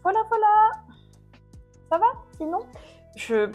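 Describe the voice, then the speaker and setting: A woman giving a casual book review chat, chatty and jokey, with mock dismay and quick self-corrections. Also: very high voice, sing-song, a little mellow, faint music behind.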